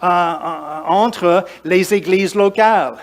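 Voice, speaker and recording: Pastor preaching in halting French. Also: male voice, high-pitched. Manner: preaches with halting restarts, rising emphatic lists and quieter asides. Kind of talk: sermon.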